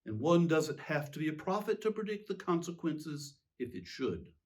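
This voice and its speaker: A man acts out a petulant tyrant king in a dramatic monologue, his highish voice swooping widely. He is pompous and indignant, forever justifying himself, and leans on emphatic pauses as he declaims. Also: very animated. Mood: indignant, alarmed. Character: King Herod, petulant, self-justifying male tyrant in exasperation. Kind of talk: theatrical dramatic monologue reading.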